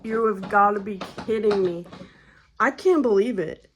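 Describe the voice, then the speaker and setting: There's a little hiss or hum behind this young woman's pregnancy vlog, a casual, slangy and chatty update. Her mid-range voice is slightly slow, and being heavily pregnant leaves her out of breath.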